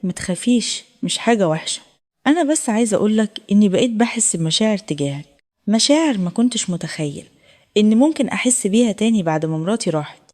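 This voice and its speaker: A woman voicing a gentle older Egyptian widower. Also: high voice, lively intonation, quick pace. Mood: tender. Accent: Egyptian Arabic. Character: lonely older widowed man, gentle and kind.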